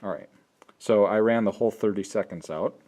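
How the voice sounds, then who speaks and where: Deep-voiced man talking through a tutorial. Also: fairly quick, a little mellow. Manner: plain step-by-step explaining, thinks aloud. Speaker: teacher. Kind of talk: screen-recorded app tutorial.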